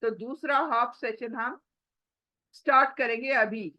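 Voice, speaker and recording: A woman teaching Quran recitation online, drawing out the examples slowly and then explaining them briskly. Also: on the high side, dry recording, muffled recording. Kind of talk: online tajweed lesson.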